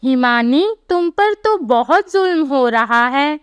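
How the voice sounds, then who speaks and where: This is a cheerful, sympathetic young friend from a storybook tale, voiced by a woman. Her voice is high and very slow. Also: animated, no echo. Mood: friendly.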